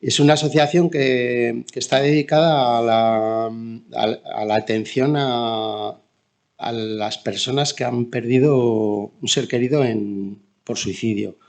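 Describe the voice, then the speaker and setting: A man with an accent from Spain gives spontaneous testimony as a bereaved father, in quiet, subdued grief, halting and searching for words with many pauses. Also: mid-range voice, steady tone. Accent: Spanish from Spain. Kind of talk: spontaneous testimony at an online talk.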